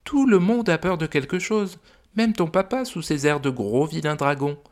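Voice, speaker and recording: A man voicing a gentle, caring mother dragon in a children's audio story, soft and reassuring. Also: a little high, moderate pace, pitched above the performer's own voice, close to an everyday voice. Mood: tender.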